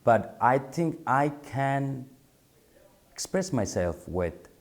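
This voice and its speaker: Slow and sing-song in a mid-range voice, a Bangladeshi photographer gives thoughtful interview answers, often breaking off to repeat a word while he searches for the next.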